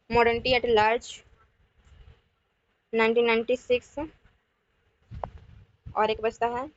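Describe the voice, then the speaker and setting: A woman teacher solving past exam questions in a lecture, reading questions out slowly and then explaining quickly in mixed Hindi and English, asking viewers to answer. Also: fairly high pitch. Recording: dry, dull lo-fi sound.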